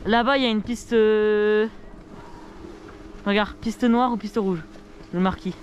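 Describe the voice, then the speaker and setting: Young man skiing, loud wind noise. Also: high-pitched, fairly even intonation, measured pace. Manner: teasing, joking, chatty. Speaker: vlogger. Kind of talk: casual vlog commentary while skiing. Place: outdoors on a snowy ski slope. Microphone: action camera worn while skiing.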